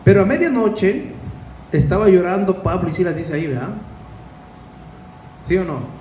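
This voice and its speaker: A man gives an informal Bible-study sermon in a high voice, often turning to his listeners with questions. The room rings with a roomy echo. A faint background noise runs underneath. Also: animated, normal speed, a little mellow, recorded from a distance. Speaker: preacher.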